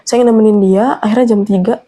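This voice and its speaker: A woman's voice: mid-range voice, steady tone, brisk, mellow. A young adult woman telling a personal horror story in an earnest, anxious way. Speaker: guest storyteller.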